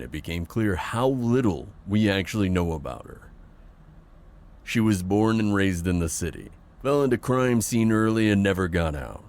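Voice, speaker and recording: In an audio roleplay, a man plays an authoritative police chief, giving a measured, formal, matter-of-fact briefing in a low, darkish voice.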